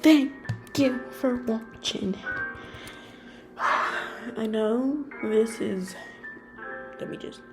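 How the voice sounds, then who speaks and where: A young woman reading a fan story aloud, soft-spoken and prone to rambling when she speaks off script. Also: fairly high pitch, very slow, pauses often, over music. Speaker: story reader. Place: friend's office.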